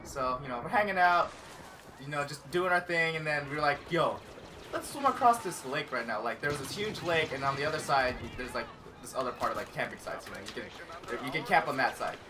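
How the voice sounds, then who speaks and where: A young man in casual gaming chat, telling a story with animation and acting out his own panicked shouts. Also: on the high side, lively intonation, a little fast. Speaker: cast member telling a story. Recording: voice a little distant from the mic, faint hiss.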